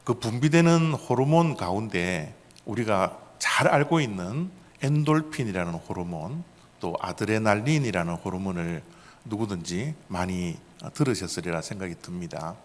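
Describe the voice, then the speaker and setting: A man preaching from the pulpit with a lively, rising and falling delivery. He asks his congregation questions as he goes. His voice carries a long reverb from the church hall. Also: lowish voice, normal speed. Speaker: pastor. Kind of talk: sermon. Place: church sanctuary.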